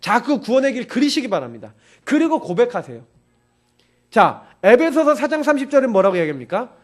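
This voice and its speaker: A man's voice: very high voice, very animated, fairly quick. A man pastor preaching a sermon in an emphatic, insistent way, urging his listeners again and again.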